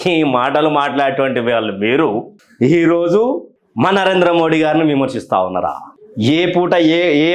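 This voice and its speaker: A man giving heated political commentary, scolding and taunting, repeating his questions. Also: high-pitched. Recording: roomy echo.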